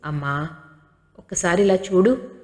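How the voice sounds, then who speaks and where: A woman reading the part of a caring young daughter who coaxes her mother softly, with a long hall reverb. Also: lowish voice, unhurried, close to an everyday voice. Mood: pleading. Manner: soft, coaxing, pitying.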